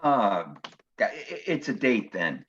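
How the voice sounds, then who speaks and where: This time the grandfather's voice is medium-pitched and fairly bright, still sing-song and unhurried. The stage comedy actor keeps him courteous, precise, earnest and slightly formal on his video date, though the audio is muffled and dull.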